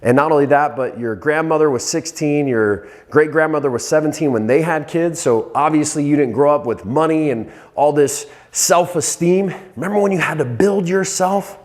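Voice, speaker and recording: A man, a hypnotist and coach, giving a fired-up motivational monologue who swears casually and jumps high in pitch when excited. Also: moderate pace, few pauses.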